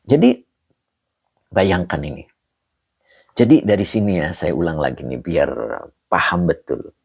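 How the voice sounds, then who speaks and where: Brief: middle-aged male religious teacher, low gravelly voice, unhurried and animated, chatting with viewers. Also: dry recording. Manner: reads comments, jokes with viewers. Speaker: kitab teacher. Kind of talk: live-streamed kitab lesson. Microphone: phone or camera on a stand.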